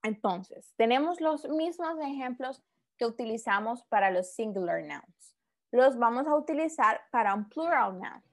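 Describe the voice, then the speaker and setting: A woman's voice: fairly high pitch, animated, a little slow. A woman teaching an English grammar lesson, explaining patiently, repeating example words and often checking with the class.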